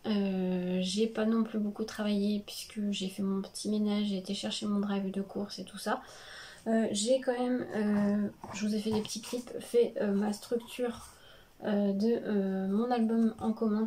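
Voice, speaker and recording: A woman chatting casually in her home craft studio vlog, with a cold, talking hesitantly with many fillers and pauses. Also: mid-range voice, little pitch movement, warm tone, a little hiss or hum. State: sniffly with a cold. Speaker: craft vlogger.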